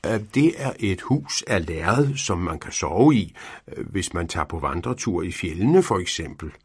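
A patient old storybook inventor explains things gently in a raspy, gravelly voice, pausing often, as a man puts him on. His pitch rises a little above the narrator's and stays lively. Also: dry recording, studio quality, exaggerated voice. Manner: patient, hesitant with "øh".

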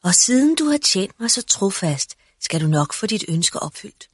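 A man doing Mother Hulda, a husky kindly old woman. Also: high voice, big pitch swings, no room sound, studio quality, voice pushed up, heavily acted. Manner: gentle, reassuring.

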